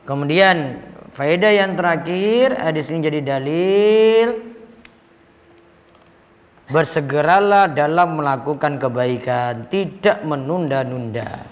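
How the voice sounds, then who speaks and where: A man's voice: fairly high pitch, slow, pauses often. A man giving a religious lecture, reading out listeners' questions and answering them plainly. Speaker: Islamic teacher. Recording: echoey hall reverb.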